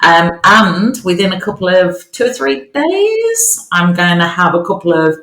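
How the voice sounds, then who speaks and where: A woman's voice: fairly low pitch, sing-song, a little slow, a bit bright. Upbeat Australian woman in an echoey bare room. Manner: upbeat, chatty, cheerful. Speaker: podcast co-host. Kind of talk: casual chat. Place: new, bare office with nothing on the walls. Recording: echoey bare-walled office.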